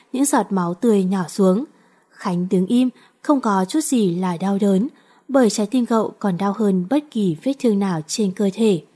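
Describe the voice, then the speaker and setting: A woman narrating a romance novel in a steady, even storytelling manner. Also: mid-range voice, husky. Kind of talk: audiobook reading of a romance novel.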